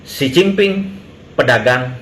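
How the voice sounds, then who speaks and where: A man's voice: medium pitch, expressive, slow pace, a bit bright, echoey room, a little hiss or hum. A man with an East Javanese Indonesian accent, talking bluntly and with slang on a casual live stream, acting out the voices he quotes. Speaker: Instagram live host. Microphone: phone.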